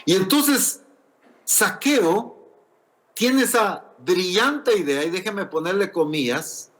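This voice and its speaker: Male pastor, higher-pitched, animated delivery, earnest teaching sermon. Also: takes it slowly. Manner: earnest, explanatory preaching with rhetorical questions. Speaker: preacher. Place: church.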